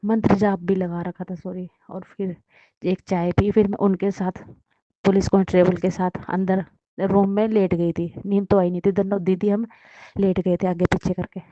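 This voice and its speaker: Woman, devotee giving a testimony, mellow dry voice, muffled recording. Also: on the low side, little pitch movement, moderate pace, no echo. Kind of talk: personal testimony.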